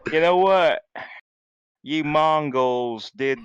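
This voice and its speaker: A man's voice: fairly high pitch, takes it slowly, lo-fi sound, pitched above the performer's own voice. A man voicing a swaggering samurai who boastfully challenges invaders, in a mock-heroic manner.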